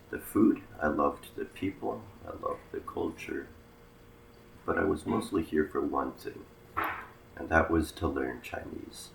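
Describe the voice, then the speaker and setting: Slow, deep, gravelly young man. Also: a bit bright, reverberant, a little hiss or hum, low-quality recording. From Taiwan. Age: young adult. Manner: slow and reflective, with many fillers. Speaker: college student. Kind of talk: rehearsed presentation.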